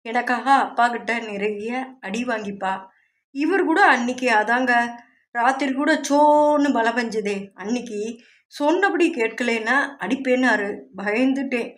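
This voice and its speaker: ஒரு நாவல் வாசிப்பில் வரும் பயந்த, குழந்தை போன்ற இளம் மணப்பெண், ஒரு பெண் நடித்துக் காட்டுகிறார். அவள் தாழ்ந்த குரலில் கண்ணீருடன் கெஞ்சுகிறாள், குரல் சற்று உயரமாக ஒலிக்கிறது. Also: female voice, a little high, lightly acted. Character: frightened young bride, childlike and pleading.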